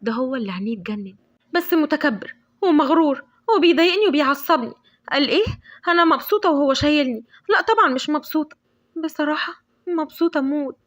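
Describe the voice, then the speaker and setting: A woman with an Egyptian accent voicing a proud, hot-tempered young woman in a storybook tale, with shrill, indignant outbursts. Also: lively intonation, fast talker. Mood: giddy. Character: fiery proud young woman, quick to anger.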